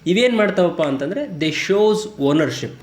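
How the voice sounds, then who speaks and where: A man's voice: high voice, expressive. Man teaching grammar in an echoey room. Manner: slow, deliberate English example sentences between quick Kannada explanations. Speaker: English teacher. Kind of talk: explaining grammar in a lesson.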